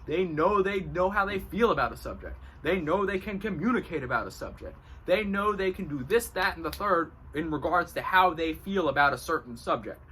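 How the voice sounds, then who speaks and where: A man talks unscripted to camera from a room in his home, explaining astrology in a loose, slangy ramble. His voice sits somewhat high and comes across bright and pushing. He peppers the talk with filler and casual profanity. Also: lively intonation, brisk, hardly any pauses, slight background noise. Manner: rambling, slangy and profane, full of "you know". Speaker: astrology video host.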